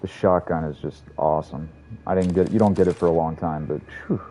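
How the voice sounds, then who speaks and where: A man's voice: sits low, steady tone, a little fast, warm tone, faint music behind. A man streaming a video game, rambling and swearing casually as he talks to his chat. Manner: rambling, profane, chatty. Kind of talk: casual gameplay commentary to a live chat.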